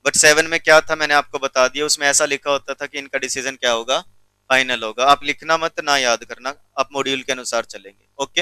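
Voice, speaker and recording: A man's voice: a little high, pushed and bright, clear, resonant tone, no echo, low-quality recording. A male teacher giving a classroom law lecture, keeps checking whether students follow and teases them sternly.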